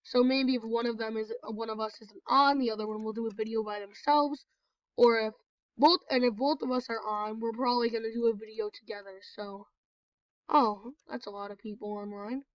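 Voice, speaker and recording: A gameplay video host with a slightly high voice sounds stuffed up and nasal from a cold as she chats loosely and rambles while playing, steady in tone and fairly quick. The casual commentary is recorded dull, lo-fi, and completely dry.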